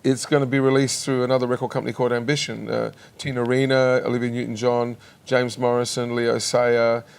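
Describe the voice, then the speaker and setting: A man, a singer and actor guest chatting on a TV couch, halting and restarting often. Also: mid-range voice, little pitch movement, vocal fry, smooth. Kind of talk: casual interview chat. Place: television studio.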